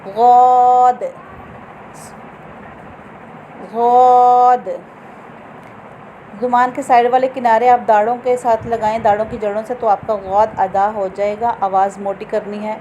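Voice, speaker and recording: A woman's voice: mid-range voice, flat delivery, mellow, muffled recording, slight background noise. A woman teaching Quran reading to students, patiently explaining each letter and sounding it out. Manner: patient, explains slowly, often checks understanding. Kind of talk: tajweed lesson to students.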